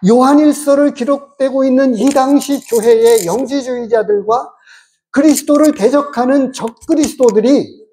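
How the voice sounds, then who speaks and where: A pastor giving a measured, explanatory sermon and asking the congregation rhetorical questions. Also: high-pitched, dark tone, a little hiss or hum.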